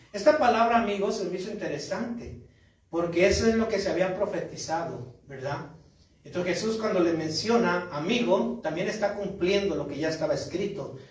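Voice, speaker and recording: A man preaching as a pastor, reading scripture aloud and often asking his congregation "¿verdad?". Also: high-pitched. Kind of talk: sermon. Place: church hall. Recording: echoey church hall from far off.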